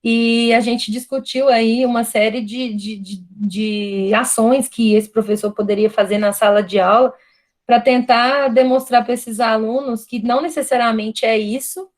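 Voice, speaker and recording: This guest lecturer, a Brazilian woman, gives an online university lecture in a slightly high voice, keeping her intonation fairly even and her pace measured. Her Brazilian Portuguese accent is clear, and she reflects aloud, frequently tagging "né?" and restarting phrases.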